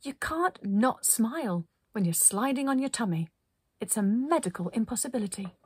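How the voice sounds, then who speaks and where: A woman reading a children's story aloud in a gentle, playful way. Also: a little high, animated, normal speed, breathy edge, dry recording.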